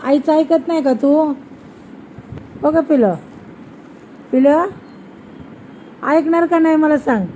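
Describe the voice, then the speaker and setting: A young mother, coaxing her toddler in a slow, sing-song voice and repeating her questions. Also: high-pitched, mellow, muffled recording, a little hiss or hum. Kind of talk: casual coaxing chat with a small child.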